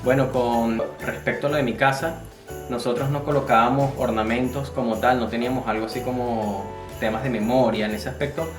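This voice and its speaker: A Venezuelan man with a Venezuelan Spanish accent, chatting casually as a vlogger in a relaxed, rambling way. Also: mid-range voice, a little fast, reverberant, music in the background. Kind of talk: casual chat.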